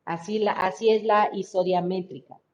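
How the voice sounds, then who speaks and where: A woman teaching a biology class online in Mexican Spanish, explaining slowly and checking in with the students again and again. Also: fairly even intonation, a little mellow. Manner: slow, explaining step by step, frequent checking "¿sí?". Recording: muffled lo-fi mic with faint rumble.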